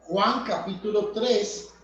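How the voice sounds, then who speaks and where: A man's voice: high voice, slow pace, fairly bright tone, dull audio, a little hiss or hum. A man preaching a sermon, emphatic, addressing his listeners as brothers and friends. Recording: very echoey room, voice from far off.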